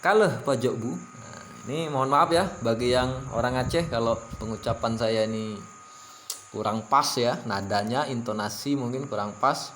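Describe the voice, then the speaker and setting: A man from South Sumatra in Indonesia gives a casual, halting lesson, full of fillers and repeated phrases. He jumps up in pitch each time he says an example word, and he is apologetic about his pronunciation. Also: a bit bright, a little hiss or hum. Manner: apologetic, pitches up sharply when saying example words. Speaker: language-learning vlogger. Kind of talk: casual teaching monologue.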